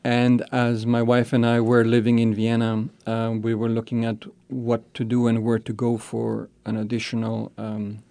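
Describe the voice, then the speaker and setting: An older man from Austria, a guest on a radio interview, answering in a thoughtful, measured way with frequent pauses. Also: mid-range voice, completely flat delivery, gravelly, mellow, no echo. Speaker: guest, college program director.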